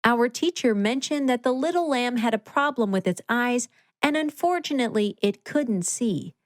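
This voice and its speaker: Higher-voiced woman reading a children's storybook. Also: animated, normal speed, no room sound, clean studio sound. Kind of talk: scripted children's storybook narration.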